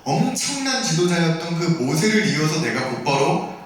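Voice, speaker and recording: A man's voice: fairly high pitch, big pitch swings, normal speed. A man preaching a sermon to a youth group, constantly asking his listeners rhetorical questions and briefly acting out the voices of a grumbling crowd. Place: church hall. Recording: very echoey hall, mic far off.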